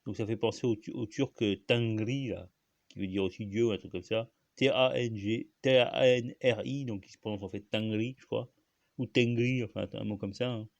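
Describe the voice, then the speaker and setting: A man's voice: fairly low pitch, fairly even intonation, normal speed, gravelly, dry recording. A man hosting his own channel, talking alone in a rambling, casual way, full of fillers and restarts. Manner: rambling, many fillers and restarts, frequent coughs. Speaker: channel host. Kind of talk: casual solo monologue.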